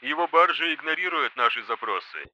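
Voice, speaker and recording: A man's voice: on the high side, animated, brisk, bright, forceful tone, dry recording, rough recording. A man voicing a dutiful male vox operator who reports formally, heard through a radio filter.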